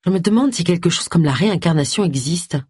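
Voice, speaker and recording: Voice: mid-range voice, expressive, fast talker, breathy edge, dry recording, clean studio sound. A reader voicing an irritable middle-aged woman detective. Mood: musing. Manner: sharp, exasperated.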